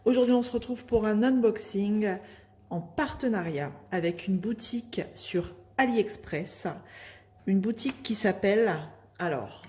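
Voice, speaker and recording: Slow, chatty Frenchwoman unboxing. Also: mid-range voice, warm tone. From northern France. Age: 30s. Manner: chatty, hesitant, many filler pauses. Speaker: diamond painting vlogger. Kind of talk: casual unboxing vlog.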